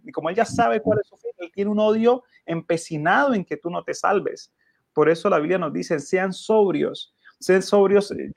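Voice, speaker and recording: A man's voice: high voice, vocal fry, dry recording, clean studio sound. A man preaching earnestly, asking his listeners rhetorical questions. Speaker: pastor. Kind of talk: radio Bible study preaching.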